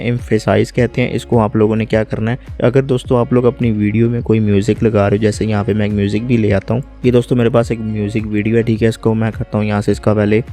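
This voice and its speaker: A man walks viewers through a software tutorial, calm and step by step, often calling them "friends". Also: fairly low pitch. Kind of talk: screen-recorded software tutorial.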